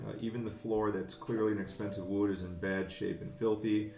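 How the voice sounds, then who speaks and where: A man acting as game master, describing scenes in a relaxed way with many fillers. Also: fairly low pitch, a little fast. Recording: echoey room with music behind. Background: background music.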